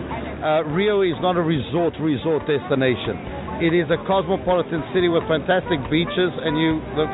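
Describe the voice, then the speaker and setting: A man from South Africa, interviewed at a travel show, talking up a destination in an effusive, selling way with many fillers. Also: a little high. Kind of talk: enthusiastic promotional interview. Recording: tinny lo-fi audio with music behind.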